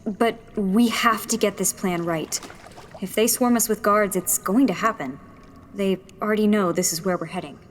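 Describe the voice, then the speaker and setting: A woman with a natural, medium-pitched voice speaks at a normal speed as the rebel leader, a determined young engineer in a sci-fi audio drama. Focused and earnest, she takes charge while laying out the plan. Loud music plays over her voice, and there's a little hiss or hum.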